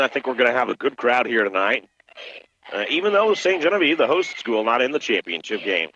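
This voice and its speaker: A man with a Midwestern American accent giving fast live play-by-play of a high school basketball game, with chatty asides and rising excitement on big plays. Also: dull audio, a little hiss or hum. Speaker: play-by-play announcer.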